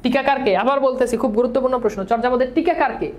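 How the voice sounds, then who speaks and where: A man teaching an online exam-prep lecture, drilling questions and answers over and over and sprinkling English words into his speech. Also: very high voice. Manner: talks fast, as he admits.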